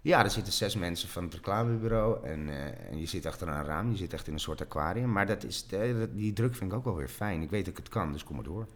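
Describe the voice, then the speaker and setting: A middle-aged man, an actor and voice actor, chatting in an animated way and sometimes slipping into voices. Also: fast, hardly any pauses. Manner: animated, swings pitch, slips into voices. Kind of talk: casual interview talk.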